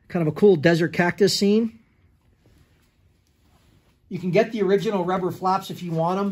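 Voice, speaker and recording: A man's voice: sits high, darkish tone. A young man who runs a restoration shop, casually walking through a motorcycle's details in a matter-of-fact way, recorded on a handheld phone in an indoor workshop. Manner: plain, matter-of-fact listing of details with fillers. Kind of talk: casual product walkaround.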